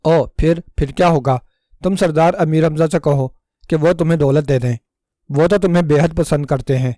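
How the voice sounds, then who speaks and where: A man's voice: fairly high pitch, dark tone, no echo, studio quality, natural voice. A man voicing a panicky young wife. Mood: panicked. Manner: panicky, anxious pleading. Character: flustered naive young wife, easily frightened.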